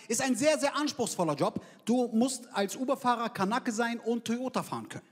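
This comedian's voice is extremely high and animated, and he moves briskly through a punchy, slangy, brash routine. He holds a handheld microphone on a big theater stage before a live audience, whose reactions fill the hall.

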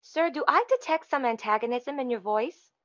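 A smug, officious receptionist, high and bright. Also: female voice, animated, dull audio. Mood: haughty, officious. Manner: officious, condescending, deliberately obtuse. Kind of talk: comedic short film acting.

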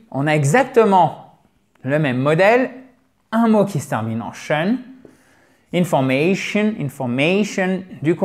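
A man with a voice on the high side teaches English pronunciation at a board, explaining the lesson in a lively way. He addresses his viewers as dear friends and slowly repeats English words to model each sound.

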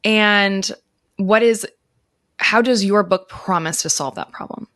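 On a video call from an indoor room, this author and teacher in her thirties talks as an interview guest, informally explaining and offering conversational advice. She takes it slowly in a mid-range, slightly bright voice; the close-miked recording is dry and of studio quality.

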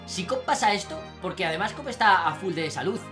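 A young man with a Spain Spanish accent doing excitable let's-play commentary as a gaming YouTuber, often breaking into shouted exclamations. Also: sits high, fairly quick, music in the background.

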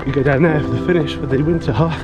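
An Englishman with a fairly high voice talks casually while running, slightly winded. He is outdoors on an action camera, and loud music plays behind him. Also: quick pace. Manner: talking while running, exerted. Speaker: running vlogger. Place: outdoors on paths during a road race. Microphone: action camera at arm's length. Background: loud music, outdoor traffic sounds.

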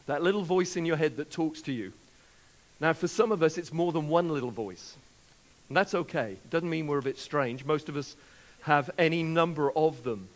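Upbeat guy running a workshop, fairly high voice, eggs the crowd on. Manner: lively, encouraging, repeats audience answers. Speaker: workshop presenter. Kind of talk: live seminar talk to an audience.

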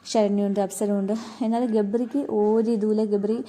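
A woman with a mid-range, warm voice casually recaps a reality show episode for her viewers, calling them "guys" and filling her talk with fillers. Her pitch moves little and she keeps a moderate pace.

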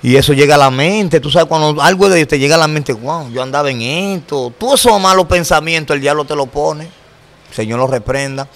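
A man's voice: on the high side, brisk. A middle-aged man telling a personal religious testimony in an earnest storytelling way, acting out what others said to him. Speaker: guest telling his testimony. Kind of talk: emotional spoken testimony.

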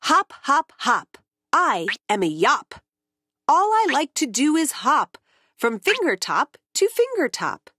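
A woman's voice: high voice, wildly swooping pitch, slow, pushed and bright, no echo, studio quality, heavily acted. A woman voicing a tiny eager hopping creature in a storybook, with a bouncy, rhythmic delivery. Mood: playful.

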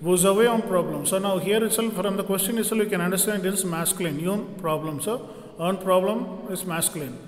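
A man's voice: high-pitched, brisk. A man teaching a grammar lesson, explaining step by step like a classroom teacher. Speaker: French teacher. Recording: echoey room with long reverb.

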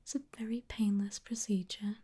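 A woman's voice: medium pitch, flat delivery, moderate pace, warm tone, slightly rough. A young woman whispering an ASMR roleplay as a reassuring pre-surgery nurse, with hesitant ums. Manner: reassuring, clinical.

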